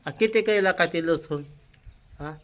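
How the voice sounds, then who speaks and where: A man's voice: a little high, unhurried, fairly bright tone, muffled recording. An older man, giving scolding, practical farm instructions to the family. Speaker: farming elder of the family.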